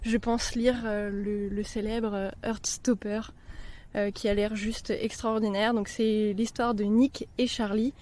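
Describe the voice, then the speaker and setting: A woman chatting casually about books as a vlogger, pausing often mid-sentence while on a walk outdoors. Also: mid-range voice, little pitch movement, a little mellow, poor audio. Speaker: book vlogger. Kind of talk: casual book chat while walking. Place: outdoors on a walk among trees.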